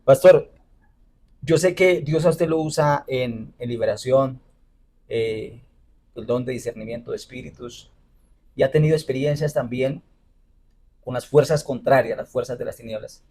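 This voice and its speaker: A man's voice: mid-range voice, fairly even intonation, normal speed, pauses often, dark tone. A male interviewer asking a pastor questions in a reverent, respectful tone.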